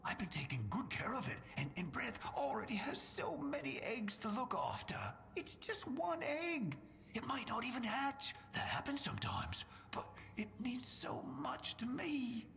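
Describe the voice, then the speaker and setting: An actor playing a humble, timid old undersea creature blacksmith in a video game, with a gruff, halting delivery. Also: male voice, medium pitch, very animated, fairly bright tone, slight background noise, exaggerated voice. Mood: pleading. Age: older. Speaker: blacksmith and trader character. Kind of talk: scripted video game dialogue.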